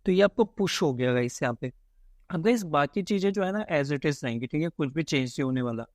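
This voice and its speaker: A man teaching code in a relaxed, chatty way, thinking aloud as he types and often calling his viewers "guys". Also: fairly high pitch, brisk, no echo. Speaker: coding tutor. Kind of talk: casual screen-recorded coding lesson.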